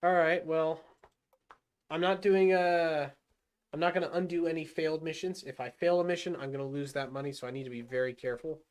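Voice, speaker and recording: Streaming a rocket game live, this man mutters to himself through every move, full of fillers and false starts. His casual commentary is fairly quick and smooth, on the high side with fairly even intonation.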